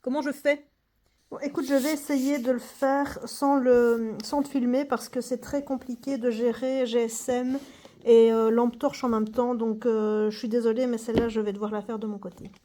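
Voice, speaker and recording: Mellow and level, her highish voice moves at a moderate pace as she thinks through an on-camera puzzle game in her board game vlog. Between self-deprecating remarks she counts under her breath, often whispering the numbers.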